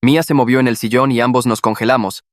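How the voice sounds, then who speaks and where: Brisk male story narrator. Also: mid-range voice, no room sound, clean studio sound. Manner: brisk, steady storytelling read. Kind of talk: scripted first-person story narration.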